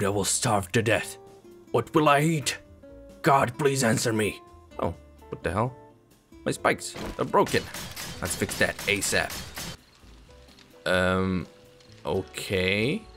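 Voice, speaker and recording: A man talks his way through a survival game in an unhurried drawl, swearing and exclaiming as things go wrong and talking back at the screen. Clear game music plays underneath his commentary. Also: lowish voice. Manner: excitable, swears a lot, talks to himself and the game. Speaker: gaming channel host. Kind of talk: let's play gameplay commentary.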